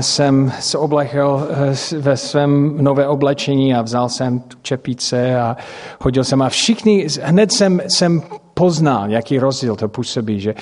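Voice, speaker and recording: This middle-aged preacher's Czech carries his native English-speaking accent as he shares personal stories from the pulpit. His voice sits at medium pitch with a darkish tone, his delivery halting and grammatically shaky, and the hall adds a long reverb.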